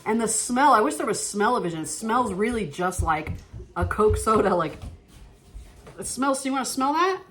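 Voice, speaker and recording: A woman hosting a casual food review vlog, chatty and excitable, talking straight to her viewers. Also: fairly high pitch, moderate pace. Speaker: vlog host.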